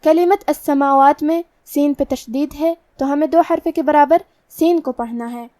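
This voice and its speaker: A woman with a high, clear voice teaches the rules of Quran recitation in a slow, methodical way. She sits a little back from the mic, and the sound is dry, with no room echo. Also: fairly even intonation, warm tone, recorded from a distance. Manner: slow, careful, methodical explanation. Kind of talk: tajweed lesson, explaining letter rules.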